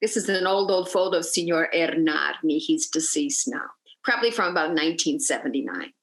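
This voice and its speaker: A woman with a low-sitting voice leads a virtual tour at a fairly quick pace, her sound roomy. She's a lively storyteller who tells her tale with energy and acts out the voices of the people she quotes.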